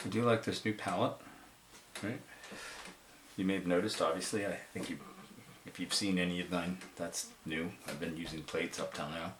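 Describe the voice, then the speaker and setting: A man with a fairly low voice talks through his painting in a relaxed, rambling way, half to himself and half to viewers. The room is roomy and reverberant. Clicks and the clatter of dishes carry clearly behind him. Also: normal speed, long pauses, slight background noise. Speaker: watercolor painter demonstrating. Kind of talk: casual painting demo, thinking aloud.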